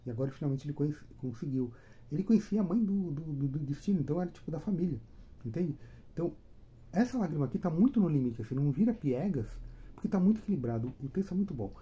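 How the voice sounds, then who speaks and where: Husky, dark-voiced man retelling a comic. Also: on the high side, fast talker, lo-fi sound. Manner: chatty, constant tag questions, animated storytelling. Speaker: comic book reviewer. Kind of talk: casual retelling of a comic story.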